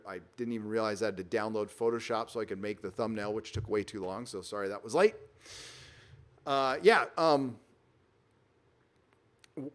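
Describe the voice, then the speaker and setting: Male livestream host, casual and off the cuff, emphatic delivery with lots of restarts, mid-pitched voice. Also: a bit bright. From Southern California. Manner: emphatic, rambling, with frequent restarts. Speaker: livestream host reading viewer donations. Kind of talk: casual live-stream commentary. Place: rented vacation home while on the road.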